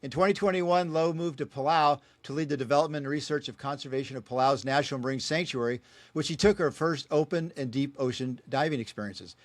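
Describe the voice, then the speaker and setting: Reading a guest introduction on his podcast, the host jokes about unpronounceable names and chuckles at his asides, then shifts into a casual interview. He talks at a quick pace with a fairly high pitch in a dry recording, staying friendly throughout.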